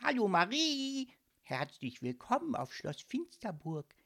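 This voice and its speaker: A woman voicing a cheerful, vain male ghost in striped pajamas who talks in breathy, secretive whispers. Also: deep voice, wildly swooping pitch, takes it slowly, fairly bright tone, full character voice. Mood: friendly.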